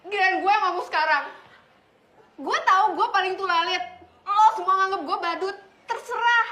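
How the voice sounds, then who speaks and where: A woman's voice: very high voice, moderate pace, bright, forceful tone. A woman playing a brash, teasing teenage girl from a group of friends. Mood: earnest. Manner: brash and teasing, then earnest. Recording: echoey room with faint noise.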